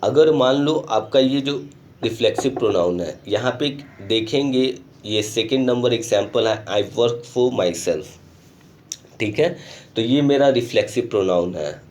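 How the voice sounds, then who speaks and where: A male school teacher giving a recorded online grammar lesson, explaining patiently and mixing English terms into his explanations, often pausing to check in with the class. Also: mid-range voice, darkish tone. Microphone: screen recording.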